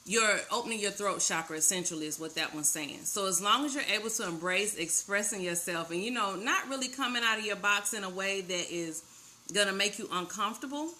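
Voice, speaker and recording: Chatty lady doing a live tarot reading, bright forceful voice, just keeps talking and cheering you on. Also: mid-range voice, brisk, slight background noise. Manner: chatty and talkative; warm, encouraging, addresses listener directly. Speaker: tarot card reader. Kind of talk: casual live-stream card reading.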